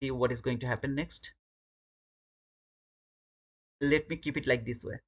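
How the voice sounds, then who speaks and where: Speaking slowly in a slightly rough, medium-pitched voice with fairly even intonation, this trading livestream host from Bangladesh chats casually with his audience. He has a Bangladeshi English accent, mixes trading commentary with chat, and tends to repeat words.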